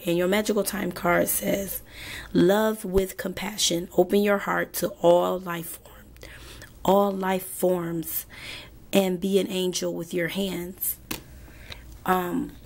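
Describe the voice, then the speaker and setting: A woman with a sore throat giving a tarot reading, hoarse and half-whispering, hesitant with many pauses. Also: fairly low pitch. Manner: slow and hesitant, many ums. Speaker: tarot card reader.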